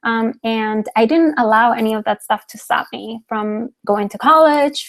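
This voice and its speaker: A woman's voice: a little high, creaky. A woman from Cuba, a business coach giving a motivational webinar talk, repeating herself for emphasis and tagging lines with "okay?". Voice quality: frequent "okay?" tag questions, emphatic repetition.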